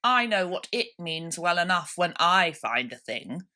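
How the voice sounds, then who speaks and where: A woman's voice: on the low side, very animated, a little slow, sharp tone, heavily acted. A woman voicing a blunt storybook duck who questions things in a challenging, matter-of-fact way.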